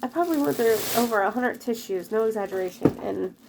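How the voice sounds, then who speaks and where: A vlogger with a head cold chats casually while tidying her bedroom at home, rambling and cutting herself off mid-thought. Her voice sits on the high side with vocal fry and a slightly mellow quality, and she talks quickly. The low-quality recording carries a little hiss or hum.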